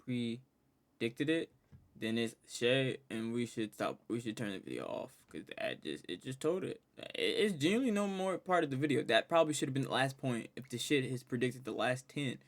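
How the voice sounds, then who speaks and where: A man's voice: medium pitch, expressive, moderate pace. A man casually reacting on a live stream, loose and profane, joking with his chat.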